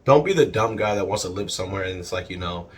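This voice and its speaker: A man co-hosting a casual podcast, cracking crude jokes and laughing loudly. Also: deep voice, animated, fast talker, slight background noise. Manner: crude joker, loud laughs. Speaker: podcast co-host. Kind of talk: casual podcast reaction chat.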